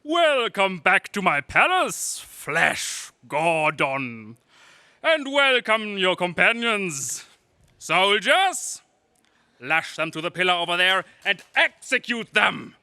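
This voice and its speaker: A cruel, gloating space tyrant in an old radio-serial manner. The voice is high for a man and swoops grandly through slow, imperious phrases. It is theatrical and sharply forceful. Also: very animated, dry recording, full character voice. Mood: gloating menace. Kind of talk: 1930s space serial radio drama acting.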